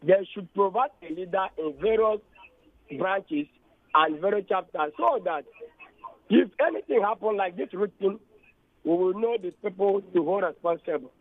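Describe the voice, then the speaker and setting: A man calling in to a radio show by phone from a moving car, speaking in an earnest, halting way. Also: high voice, no room sound. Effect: phone call from a moving car. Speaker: radio call-in caller. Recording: band-limited phone line with road noise.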